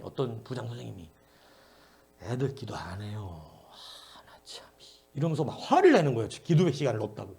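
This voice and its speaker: A middle-aged male pastor preaches at a prayer meeting, telling stories with animation. He swings between emphatic bursts and low asides.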